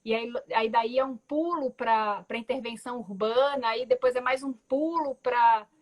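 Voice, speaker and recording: High-voiced woman with a Minas Gerais accent. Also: normal speed. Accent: Minas Gerais Portuguese. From Belo Horizonte, Brazil. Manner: thoughtful, peppered with "né" and restarts. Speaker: guest artist and educator. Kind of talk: reflective conversational storytelling.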